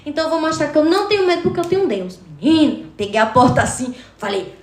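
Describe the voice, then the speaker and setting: High-voiced woman telling a story. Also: quick pace, roomy sound. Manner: animated, acts out quotes from her dream. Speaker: TikTok live streamer. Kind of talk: casual storytelling to live viewers.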